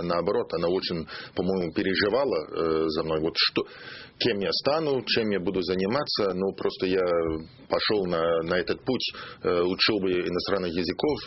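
A hesitant man from Australia, low-voiced, serves as an ambassador guest in a radio studio, where the recording is muffled with slight background noise. Working in a second language, he pauses as he searches for words in his interview answers.

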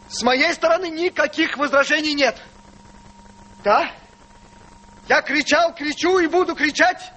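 A shrill, fawning old servant. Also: male voice, sharp tone, full character voice, rough recording. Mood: crafty, cheering. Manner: nervous, fawning, shrill cries. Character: fussy, devoted longtime male servant. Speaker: supporting actor in a stage play. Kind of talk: theatrical stage acting.

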